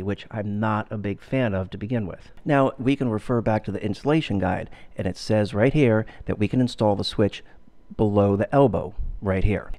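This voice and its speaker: A middle-aged man giving a steady, explanatory instructional voice-over as a pool care instructor. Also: fairly low pitch.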